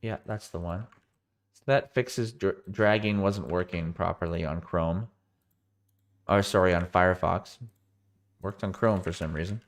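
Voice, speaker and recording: During a live-streamed coding walkthrough, a weary man with a cold speaks in a somewhat low voice at a measured pace, pausing often. He works things out aloud and frequently catches and revises his words mid-sentence.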